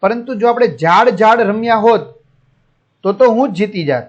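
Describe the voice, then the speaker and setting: A man's voice: high-pitched, moderate pace, highs cut off. A man voicing a big, playful male elephant who boasts like a child in a storybook tale for young pupils. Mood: boastful.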